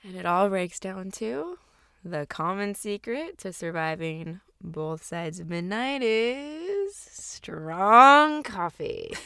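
A woman co-hosting a podcast in casual, bantering chat, speaking with animated emphasis from inside a walk-in closet. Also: fairly low pitch, a little slow, clear, resonant tone, no echo, studio quality. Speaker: podcast co-host. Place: walk-in closet in a small apartment.

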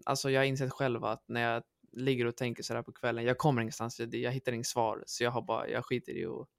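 Laid-back young guy, gravelly voice, short bursts, dry sound. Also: mid-range voice, little pitch movement, dry recording. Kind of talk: casual podcast chat.

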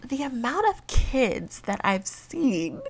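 A woman's voice: sits high, big pitch swings, slow pace, husky. A woman in her late twenties, congested, chatting casually to her viewers with frequent laughs and fillers. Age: 20s. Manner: chatty and giggly, lots of fillers. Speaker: vlogger. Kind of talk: casual chat to camera.

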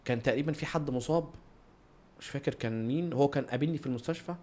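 A man's voice: medium pitch, racing, a little mellow. A man with an Egyptian Arabic accent, telling anecdotes as a footballer guest in an interview, acting out bits of dialogue as he goes. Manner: acts out dialogue and sound effects. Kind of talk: animated anecdotal interview talk.

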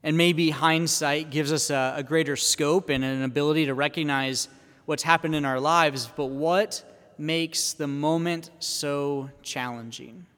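A man, a priest, giving a Sunday homily at a pulpit microphone in a church, speaking in a measured way and posing questions to the congregation. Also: on the high side, fairly even intonation, fairly bright tone, clear, resonant tone. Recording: long church reverb.

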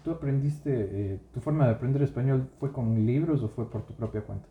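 A man from Ecuador co-hosts a podcast, relaxed and chatting casually while steering the talk with questions. His medium-pitched voice moves a little fast, and the audio is reverberant, narrow and tinny.

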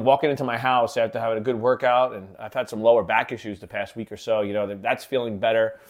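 A man hosting his own podcast in a casual solo talk, rambling with many fillers and restarts. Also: lowish voice. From living in Kansas City. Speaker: podcast host.

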